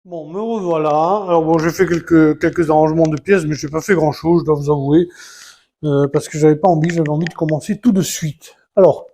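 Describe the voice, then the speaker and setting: Brisk and casual, a Lego building vlogger comments live while assembling a model set, counting the pieces aloud. His voice is on the high side, creaky and mellow, with fairly even intonation. He talks hesitantly and keeps restarting his sentences.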